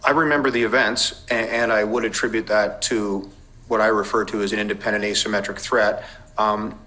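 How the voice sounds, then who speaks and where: A police intelligence officer answers cross-examination in formal testimony, his lowish voice flat in delivery and pushed and bright in tone. He stays measured and precise, wording things carefully and invoking legal references, all on a rough recording.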